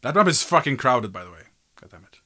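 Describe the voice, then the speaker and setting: A man's voice: mid-range voice, big pitch swings, fast talker, pushed and bright. A man narrating a tabletop game casually as game master, informal and joking, with sweary asides.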